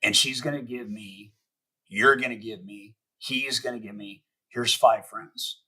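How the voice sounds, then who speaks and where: A middle-aged man teaching sales on a podcast in an emphatic, coaching manner. His voice is bright and forceful with a husky edge, and he slows right down to drive each point home. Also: fairly low pitch, steady tone, poor audio. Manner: emphatic, spells out acronyms slowly, acts out sample calls. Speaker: sales trainer and guest. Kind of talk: podcast interview, motivational teaching.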